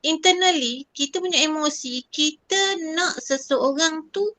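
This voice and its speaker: A woman student asks her teacher a question in class, sounding eager and a little searching as she mixes in English phrases. Her voice is high and bright, with a sharp, clear edge. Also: unhurried.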